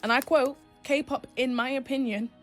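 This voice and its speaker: A woman's voice: sits high, fairly even intonation, normal speed, fairly bright tone, soft background music. A woman posting a mocking, amused video clip.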